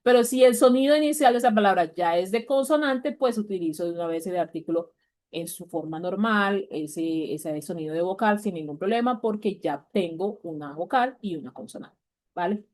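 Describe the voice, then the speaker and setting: Woman, language teacher, steady patient classroom explanation, mid pitch. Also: normal speed. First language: Spanish. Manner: patient, repeats points, checks in with "vale?". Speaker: English teacher.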